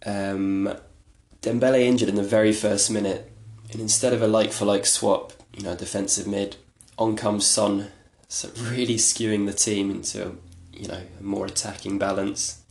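Male podcast host, low gravelly voice, flat delivery, rambling and self-deprecating, echoey room. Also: moderate pace. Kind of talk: casual solo podcast talk.

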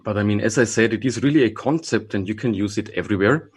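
A man who works as a trainer and consultant, and whose first language is German, chats casually as a podcast guest. His voice is lowish and slightly rough with a quick pace, and he stays relaxed, thinking aloud with restarts and small laughs.

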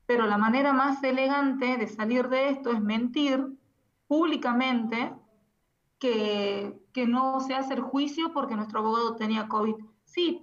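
A woman calling in to a radio interview on a phone held away from her mouth, firmly and insistently rebutting claims. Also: sits high. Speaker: interview guest, sister of the accused. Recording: distant muffled phone line.

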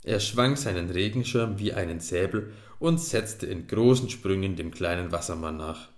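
A man narrating a children's storybook in a lively, expressive way, in an echoey room. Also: deep voice, moderate pace. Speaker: audiobook narrator.

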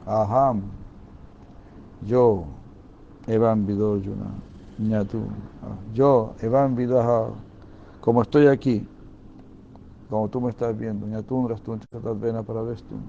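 A man's voice: lowish voice, steady tone, measured pace, vocal fry, long pauses, warm tone. A man preaching a sermon, telling stories and repeating phrases for emphasis. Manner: storytelling, emphatic repetition. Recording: dull lo-fi recording with faint noise.

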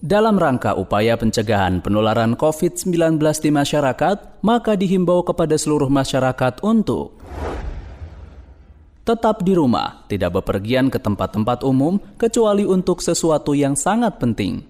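A man's voice: a little high, big pitch swings, a little mellow, slight background noise. Formal male public-service announcer. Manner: measured formal instructive reading.

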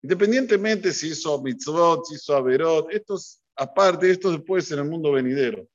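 Rabbi, male, animated storyteller, slightly high voice, dull lo-fi sound. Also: moderate pace. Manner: animated storyteller mixing Hebrew terms. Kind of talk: sermon with storytelling. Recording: dull lo-fi recording.

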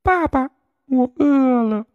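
A man voicing a tiny newly hatched duckling in a high squeaky childlike voice, in a storybook reading. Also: slow pace, dry recording, narrow, tinny audio. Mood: eager.

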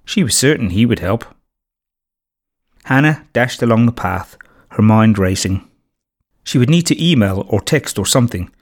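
A man's voice: mid-range voice, animated, normal speed, pauses often. A man steadily reading a children's storybook as narrator.

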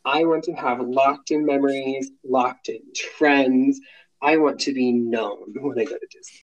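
Man, late twenties, podcast co-host, casual chat, rambling, enthusiastic, mid-range pitch. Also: steady tone, measured pace, highs cut off. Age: late 20s. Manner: rambling, restarts sentences, enthusiastic.

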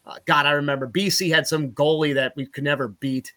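A man from Utica, New York, a sports broadcaster guest, telling lively anecdotes casually and laughing at his own stories. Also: fairly high pitch, fairly quick. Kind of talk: casual podcast storytelling.

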